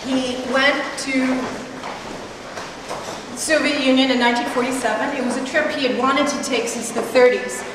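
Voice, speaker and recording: In an echoey, noisy gallery, a thirty-something museum curator leads a tour, walking, gesturing, and chatting with many ums and restarts. Her high voice keeps a steady tone at normal speed. A faraway camera records her through a handheld mic and loudspeaker in the large indoor room, so she sounds distant.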